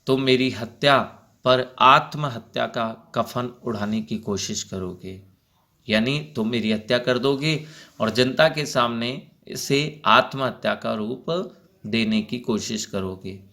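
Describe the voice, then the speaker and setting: A man's voice: on the low side, slow, bright, forceful tone, full character voice. A man voicing a brave, defiant young male freedom fighter who answers back with fiery retorts, in a school play reading.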